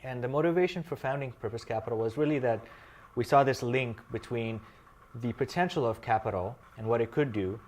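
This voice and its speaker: A man in his thirties from Kenya, a guest in an interview, explaining his work in a measured way with frequent "um" fillers. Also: medium pitch, darkish tone. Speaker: interview guest, social finance founder. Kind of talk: conversational interview answers.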